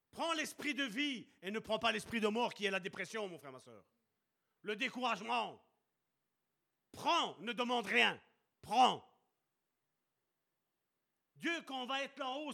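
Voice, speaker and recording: A man's voice: high-pitched, vocal fry, sharp tone. A man preaching a sermon at a church service, emphatic and repeating short commands.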